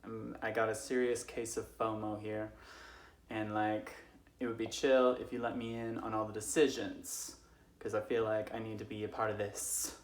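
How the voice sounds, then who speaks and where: A man's voice: fairly low pitch, level tone, normal speed, lightly acted. A man putting on a casual, tipsy Californian friend who rambles through comedic stories in a slangy, filler-heavy way. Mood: whiny, slangy. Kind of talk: comedic storytelling. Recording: roomy echo, faint background noise.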